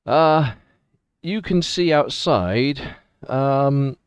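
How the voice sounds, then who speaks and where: A man's voice: medium pitch, lively intonation, very slow, smooth, muffled recording. Guy game mastering a tabletop rpg, chatty improvised narration, lots of up and down, no room echo.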